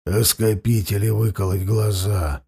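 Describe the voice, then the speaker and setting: A man voicing a bitter blind male singer held prisoner, hoarse and rasping, sarcastic and defiant. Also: lowish voice, steady tone, unhurried, warm tone, pitched below the performer's own voice, heavily acted. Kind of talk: audiobook character voice.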